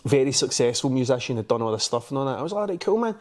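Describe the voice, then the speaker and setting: A man's voice: medium pitch, big pitch swings, rapid-fire. A Scottish man co-hosting a podcast, telling sweary, rambling stories in casual chat with lots of restarts. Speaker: podcast co-host.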